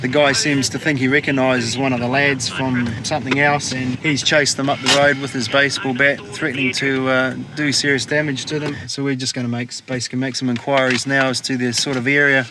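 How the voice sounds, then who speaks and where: A man's voice: medium pitch, little pitch movement, brisk, hardly any pauses. A male police officer with a New Zealand accent, giving matter-of-fact explanations and asking short casual questions. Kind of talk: casual on-the-job explaining and enquiries. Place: outdoors by a residential street. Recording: noisy outdoor street sound.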